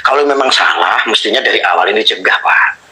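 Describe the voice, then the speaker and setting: A man from Java, a religious activist making an emotional public appeal, pleading and at times shouting. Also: lowish voice, expressive, fast talker, rough recording.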